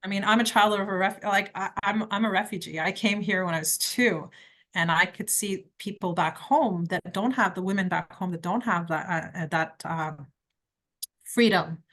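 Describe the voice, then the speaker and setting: This woman speaks at a normal pace in a medium pitch, her tone a bit bright. She's a middle-aged criminal defence lawyer from Quebec, Canada, offering pointed, emphatic advice in a conversational interview.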